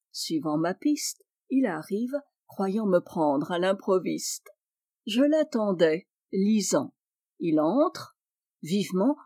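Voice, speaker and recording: Slow, theatrical woman reading verse. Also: medium pitch, dry recording, clean studio sound. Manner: expressive, swinging between hushed asides and bright exclamations. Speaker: reader of a comic verse monologue.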